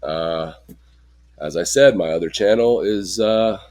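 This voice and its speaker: A man in his forties talks straight to camera in a personal confessional vlog. His voice sits very low, and a chest cold leaves it congested. He speaks in an earnest, candid way. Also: measured pace, a little mellow. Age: 40s. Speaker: vlogger.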